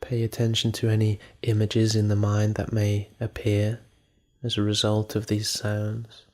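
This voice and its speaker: Leading listeners through meditation, this evenly pitched male guide keeps his narration calm and measured, letting pauses stretch out without hurry.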